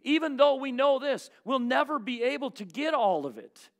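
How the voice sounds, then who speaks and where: A man preaching a sermon to his congregation as pastor. He asks rhetorical questions and swings between loud emphasis and hushed asides. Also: extremely high pitch, big pitch swings, moderate pace. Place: church.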